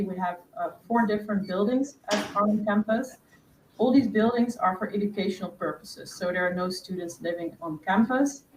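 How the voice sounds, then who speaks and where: Woman presenting a webinar, roomy sound. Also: medium pitch. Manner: explanatory, many fillers. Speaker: host. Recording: roomy distant mic with faint noise.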